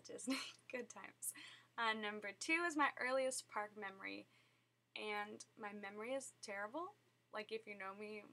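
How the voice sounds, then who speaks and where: Bright-voiced chatty woman. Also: mid-range voice. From Southern California. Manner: chatty, giggly, lots of fillers. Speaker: vlogger. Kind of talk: casual chat.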